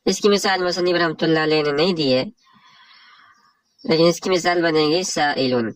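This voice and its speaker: A man's voice: fairly high pitch, fairly even intonation, no echo, poor audio. A man with a Pakistani Urdu accent teaching Arabic morphology in a religious lecture, explaining each rule step by step and glossing a set text.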